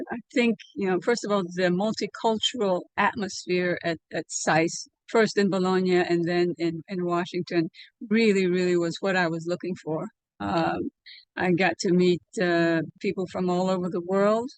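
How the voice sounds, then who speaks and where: A woman's voice: lowish voice, fairly even intonation, dry recording. Older woman from Liberia, dry sound. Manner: measured, pausing with many fillers. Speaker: interviewee, alumna. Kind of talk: oral history interview. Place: home room, indoors. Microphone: video call webcam.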